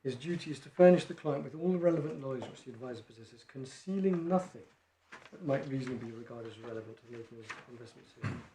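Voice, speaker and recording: A barrister making a measured legal argument in court, reading quoted passages from judgments. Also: male voice, mid-range voice, expressive, warm tone. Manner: measured, reads quotations from case law. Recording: echoey courtroom, faint noise.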